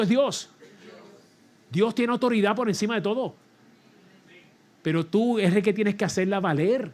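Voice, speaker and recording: A middle-aged man, preaching a lively sermon in a church, laughing often and calling for the congregation to repeat after him. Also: high-pitched. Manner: animated preaching with laughter and call-and-response. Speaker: pastor. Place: church sanctuary.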